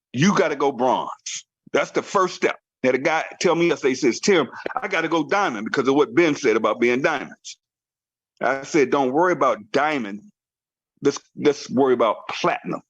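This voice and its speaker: A man's voice: a little high, a bit bright, husky, no room sound, muffled recording. A man leading a motivational team training call, urging and repeating his points with emphatic, preacher-like drive. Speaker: network marketing team trainer. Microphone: conference call line.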